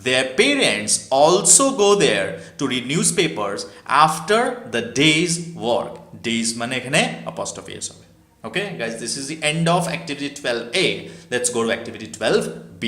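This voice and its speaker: A man's voice: medium pitch, pushed and bright, echoey room. A man teaching English with a Bengali accent, switching between English and Bengali and drilling pronunciation with repeat-after-me. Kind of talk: recorded English lesson.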